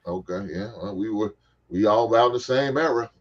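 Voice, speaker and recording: A man's voice: fairly low pitch, normal speed, dull audio. A man in his forties from the Bay Area, hosting a casual sports chat, joking and swearing freely. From San Francisco Bay Area. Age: 40s. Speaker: podcast host.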